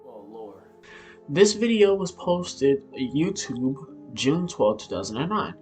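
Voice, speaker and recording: Taking it slowly, a man hosts an online explainer video in a medium-pitched voice with big pitch swings. His informal style includes occasional stumbles, and music plays behind him in an echoey room.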